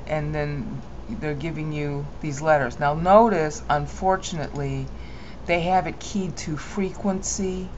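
In a screen-recorded software tutorial, a woman with a deep, dark voice rambles through the steps, offering strong opinions and correcting herself along the way. The audio is muffled and lo-fi, carrying a faint hiss.

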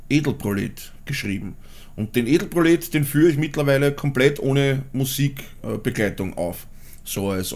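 Speaking in a mid-range, slightly mellow voice, this Viennese-accented man from Austria, in his forties, vlogs from his small home studio and then performs a spoken-word rap. The musician-vlogger is crude and blunt, laughing at his own jokes.

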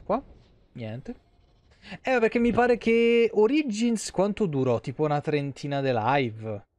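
A man in his thirties with a central Italian, Roman accent streams gameplay from his home setup, his high voice sing-song, unhurried, and a little mellow on a dry recording. As host, he thinks aloud in colloquial, salty-tongued commentary.

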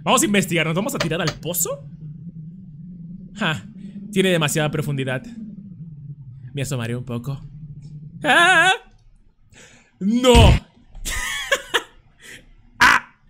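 A man's voice: fairly high pitch, big pitch swings, normal speed, pauses often, a bit bright. A young man commenting casually and jokingly as he plays a horror game, breaking into panicked screams at scares. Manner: chatty, jokey, screams in panic. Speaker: gameplay commentator.

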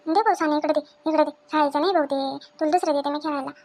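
A middle-aged woman with a very high voice, playing a scolding mother-in-law in a home drama. She fires off demanding questions at a fast clip. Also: steady tone, heavy background noise. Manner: scolding, demanding, quick-tempered.

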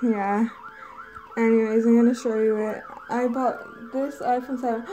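A woman, talking casually to the camera in a vlog, excitable and gushing. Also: fairly high pitch, unhurried, a crowd in the background. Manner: excitable, gushing, with gasps and laughter. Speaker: vlogger.

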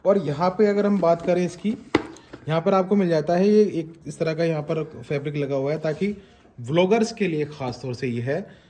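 Speaking at a normal speed with noise in the background, this Indian man in his thirties has a voice on the high side. He's casually unboxing a helmet and reviewing it from a small room at home, trophies on the shelves around him. His style is chatty, he addresses viewers as guys and friends, and English phrases slip into his speech.

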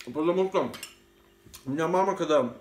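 A man's voice: a little high, normal speed. A man vlogging a mukbang, chatting casually and colloquially while chewing his food. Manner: colloquial, easygoing, drops words. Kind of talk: casual chat while eating on camera. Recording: echoey room, faint background hiss.

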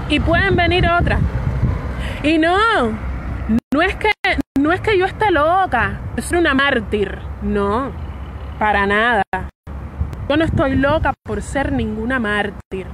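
A young woman with a Cuban accent talks straight to the camera in a raw, personal statement, stumbling and restarting her words. Her voice sits high. Loud street traffic runs behind her outdoors. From Cuba. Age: young adult. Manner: halting, repeats and restarts words. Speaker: fired state worker speaking out. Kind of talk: emotional personal video statement.

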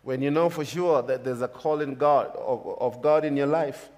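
A darkish, mid-range voice at normal speed belongs to a pastor in his thirties with a Kenyan accent. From the church pulpit he preaches in an emphatic, repetitive cadence, on a stage before a large hall that adds a long reverb to the sound.

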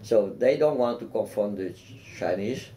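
An older man from South Vietnam speaks in a low, mellow voice with a Vietnamese accent. He answers interview questions in a measured, earnest way, often restarting phrases with "you know." A faint hiss sits under the office recording. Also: lively intonation, rough recording. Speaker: oral history interviewee. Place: office with bookshelf and plant. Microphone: seated, framed mid-shot by a camera.

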